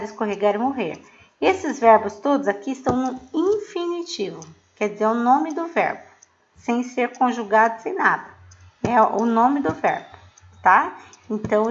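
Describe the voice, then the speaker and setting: A woman's voice: on the high side, lo-fi sound. A middle-aged woman teacher explaining a lesson to her pupils patiently, checking in often to see that they follow. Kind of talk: recorded remote class lesson.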